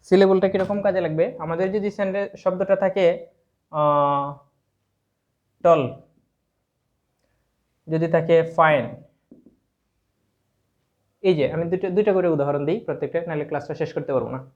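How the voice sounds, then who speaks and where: A man's voice: on the high side, fairly even intonation, unhurried, long pauses, darkish tone. A man with a Sylheti Bengali accent teaching an English grammar lesson, explaining step by step and spelling words out letter by letter. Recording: dull lo-fi sound.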